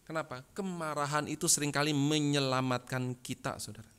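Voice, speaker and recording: A man preaching a sermon as pastor, swinging from loud bursts to soft asides and often addressing the congregation directly. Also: a little high, steady tone, a little fast, clean tone. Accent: Indonesian.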